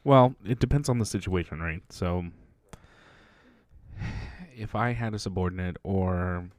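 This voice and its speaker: A man with a deep voice, speaking a little slowly, co-hosts a podcast in casual conversation. An Air Force veteran, he jokes at his own expense before giving a thoughtful answer, and the recording is dry.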